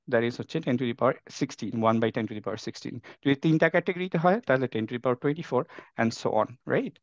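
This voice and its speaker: A man's voice: a little high, no room sound. A man teaching a class on the Quran. He explains step by step, mixes English phrases into his sentences and keeps checking that the class is following. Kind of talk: classroom lecture. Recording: dry, slightly dull lo-fi sound.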